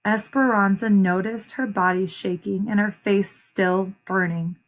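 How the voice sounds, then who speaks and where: A woman acting as an educator reads a children's story out loud, pausing to quiz and explain things to her young audience. Her pitch is medium and her intonation stays fairly even.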